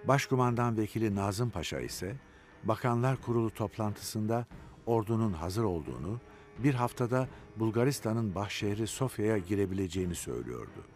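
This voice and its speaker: Man, documentary narration, low voice, lively intonation, faint music underneath. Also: brisk. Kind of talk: scripted narration.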